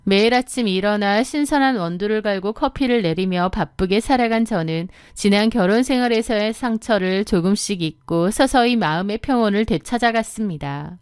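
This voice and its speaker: A woman narrating a first-person story as an audiobook, in a calm, even storytelling manner. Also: mid-range voice, moderate pace, hardly any pauses, clean tone, dry recording, clean studio sound.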